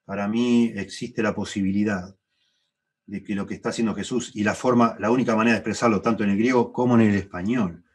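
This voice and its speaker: A middle-aged man with a Rioplatense Spanish accent leads a church Bible class in a husky, slightly low voice. He teaches thoughtfully, repeating phrases and climbing higher when he stresses a point. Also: fairly even intonation, brisk. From Argentina.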